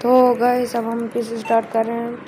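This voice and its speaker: A woman's voice: a little high, normal speed. Chatty woman narrating her gameplay. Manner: chatty, keeps addressing viewers as guys. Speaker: gameplay video host. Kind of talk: casual let's-play commentary. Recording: steady background noise.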